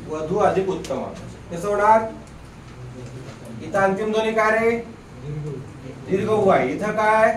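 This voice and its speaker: A man's voice: high voice, measured pace, pauses often, recorded from a distance, slight background noise. A man teaching a grammar lesson in a classroom, drilling students with repeated questions and teasing them now and then. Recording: echoey room, voice off-mic.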